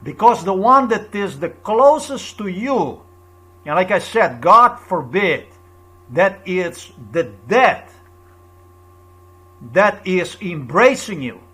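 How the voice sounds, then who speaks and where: A man's voice: high voice, sing-song, takes it slowly, pushed and bright, slightly rough. A man from Slovenia with a Slovenian accent, speaking to camera in an insistent, repetitive, lecturing monologue. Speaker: video blogger.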